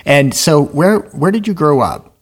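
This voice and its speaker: A man hosting a studio podcast interview, friendly and halting, with many fillers and restarts. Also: fairly high pitch, expressive, breathy edge. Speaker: podcast host. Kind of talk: casual interview.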